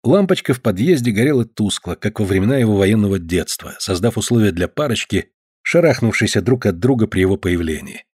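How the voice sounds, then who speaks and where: A man's voice: on the low side, expressive, brisk, darkish tone, slightly rough, no echo, studio quality. A man narrating a crime story as an audiobook, reading expressively and voicing each character.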